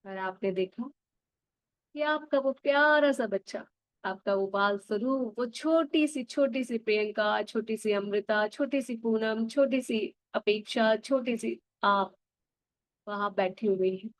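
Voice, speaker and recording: A woman guiding an inner child healing meditation, speaking softly and gently straight to the listener. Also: fairly high pitch, no room sound. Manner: soft, slow and gentle, addressing the listener directly. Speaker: meditation guide.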